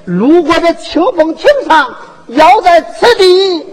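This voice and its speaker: An actor playing a cheerful, bustling village constable in a Chinese folk opera, chatty and bantering, loudly calling out. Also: very high voice, lively intonation, slow, background noise, full character voice. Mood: jovial.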